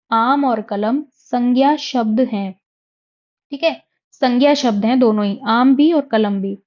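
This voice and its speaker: A woman teacher walks through sentence corrections, repeating each fix and asking rhetorical questions. She speaks with mixed in, in a fairly high voice. The recording sounds a little dull and lo-fi. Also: a little mellow. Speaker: exam prep teacher. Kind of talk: lesson on Hindi grammar.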